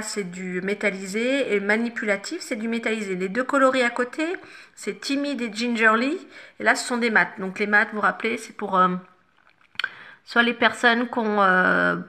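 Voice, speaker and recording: Woman makeup vlogger, chatty and loose, bright forward tone, lots of fillers and restarts. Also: medium pitch. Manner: chatty, many fillers and self-corrections. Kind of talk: casual makeup tutorial chat. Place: home, no studio lighting.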